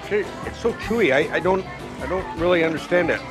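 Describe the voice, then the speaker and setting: A man's voice: high-pitched, expressive, fast talker. A man in his forties hosting a casual food challenge vlog, exclamatory and hesitant, on a lapel mic outdoors on a street. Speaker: vlog host. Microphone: clip-on lapel mic. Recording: busy outdoor street, music behind.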